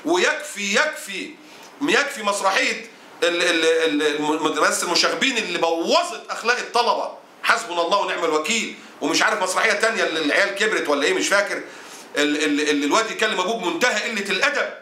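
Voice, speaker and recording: An indignant Egyptian preacher delivers his sermon at a racing clip, his voice high and sharply bright. He scolds with fiery conviction. The room around him rings with echo. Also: animated, fast. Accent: Egyptian Arabic. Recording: roomy echo.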